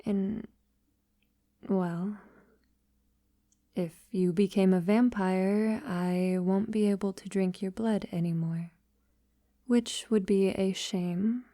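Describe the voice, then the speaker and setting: The clip is an audio roleplay where a woman acts as a gentle, long-lived vampire speaking intimately to someone she loves, in a lightly acted way. Very slow and hesitant, her dark, soft, mid-range voice holds a steady tone and drifts into breathy near-whispers. There's no room sound, just a dry, close recording carrying a vulnerable, hesitant mood.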